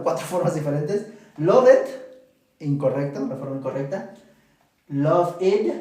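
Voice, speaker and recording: A man's voice: a little high, mellow. A man teaching English pronunciation in a live stream, patient and repeating "ok?" to check in. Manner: patient, repeats "¿ok?" often, exaggerates sounds to demonstrate. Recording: very echoey room, voice a bit far from the mic.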